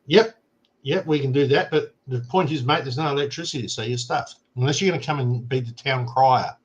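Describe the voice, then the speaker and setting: An Australian man with a medium-pitched voice hosts a casual talk show, speaking fairly quickly over lo-fi sound. He explains things plainly and keeps checking in with "right?".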